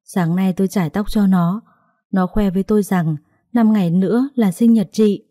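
A woman's voice: medium pitch, fairly even intonation, moderate pace, dark tone, dry recording, studio quality, lightly acted. A woman voicing a frightened young pregnant wife who pleads in a tearful, desperate way. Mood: pleading.

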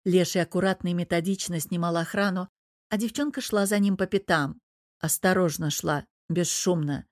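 A woman narrating an audiobook in a steady storytelling manner. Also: fairly low pitch, normal speed, no echo, clean studio sound.

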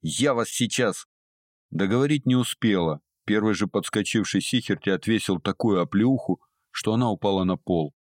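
A man reading a dark fantasy story aloud as narrator, in a steady, even storytelling manner. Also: fairly low pitch, a little fast, hardly any pauses, no room sound, clean studio sound. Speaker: audiobook narrator. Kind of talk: scripted narration.

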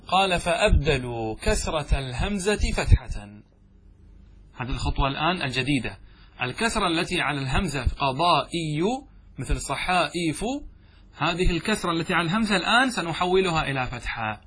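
A man's voice: on the high side, lively intonation, fast talker, pushed and bright, slightly rough. A man teaching a classroom grammar lesson as a sheikh. He keeps asking the students questions, repeats the answers and drags out key words for emphasis.

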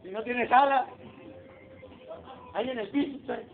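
A man's voice: very high voice, a little slow. A man preaching a sermon in a conversational way, often putting questions to his listeners. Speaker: pastor. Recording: tinny phone-like recording with faint noise.

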